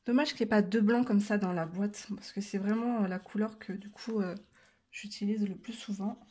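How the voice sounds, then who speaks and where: A woman with an ordinary mid-range voice walks viewers through a coloring demonstration. She speaks casually and hesitantly, filling gaps with pauses, then drifts into friendly asides. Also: mid-range voice, fairly even intonation, mellow, slightly rough. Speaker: coloring tutorial creator.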